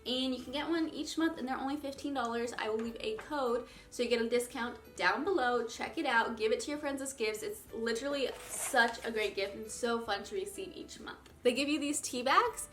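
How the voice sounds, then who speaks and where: A woman's voice: fairly high pitch, a little fast, hardly any pauses, fairly bright tone, soft background music. A young woman in her twenties chatting casually to camera in a beauty vlog, bubbly and filling her talk with "like". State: out of breath. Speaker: beauty vlogger.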